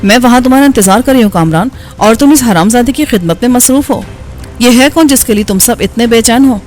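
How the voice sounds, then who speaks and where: A woman's voice: a little high, animated, soft background music, lightly acted. A woman voicing Gloria, a furious scornful woman. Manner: sharp, contemptuous and shouting. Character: angry scornful young woman gang member.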